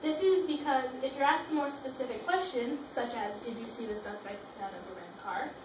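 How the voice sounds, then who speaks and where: A young woman student gives a class presentation on a school project, reading her notes aloud in a high voice and often restarting words. She is recorded from far off in a roomy, echoing space with faint background noise.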